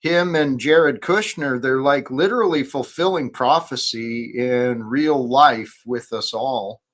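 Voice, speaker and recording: Man, unhurried pace, medium pitch, emphatic, preachy, earnest spiritual talk. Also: fairly bright tone. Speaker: host of a faith discussion.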